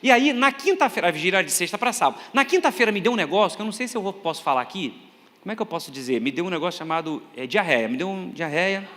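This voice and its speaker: A middle-aged Brazilian man preaching a humorous sermon, telling anecdotes in an animated, joking way. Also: high-pitched, rapid-fire. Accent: Brazilian Portuguese. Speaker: pastor. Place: large church hall. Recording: echoey church hall with long reverb.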